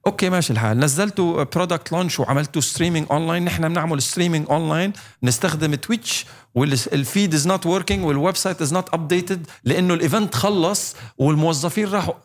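A man's voice: fairly high pitch, very fast. A man chatting casually and animatedly, mixing in English words and laughing often. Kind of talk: casual chat.

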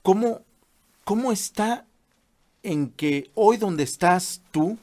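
A man's voice: high-pitched, lively intonation, slow pace, darkish tone. A man, interviewing a guest and asking long, searching questions. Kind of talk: casual interview.

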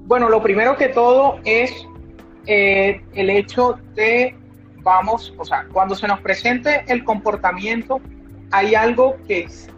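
A woman speaking as a guest specialist on child behavior, emphatic, repeating key phrases and giving examples. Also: mid-range voice. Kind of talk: explanatory interview talk. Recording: dull lo-fi audio with faint music.

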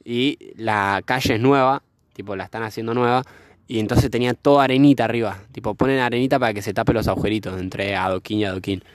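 A young man telling a story in a casual chat, slangy and animated, outdoors by a fire. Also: on the low side, quick pace, dry recording.

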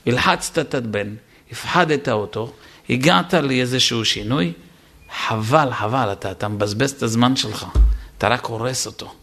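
A man's voice: mid-range voice, sharp tone, faint music behind. A man, a rabbi, giving an emphatic Torah lesson, repeating his words for stress and addressing his listeners directly. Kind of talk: sermon.

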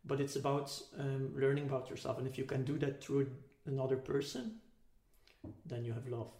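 A man's voice: mid-range voice, fairly even intonation, moderate pace, dark tone. Echoey man thinking aloud in conversation. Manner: tentative, philosophical, searching for words. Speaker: podcast guest. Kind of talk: casual reflective conversation. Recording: echoey, roomy sound.

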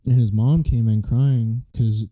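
A man's voice: medium pitch, fairly even intonation, a little slow, dark tone. A young man co-hosting a podcast, telling a long rambling story in casual chat. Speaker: podcast co-host.

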